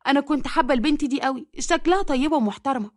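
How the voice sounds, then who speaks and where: A woman voicing a worried, gentle middle-aged mother with an Egyptian accent who speaks softly and pleadingly. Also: sits high, racing, no room sound, studio quality, pitched above the performer's own voice, lightly acted.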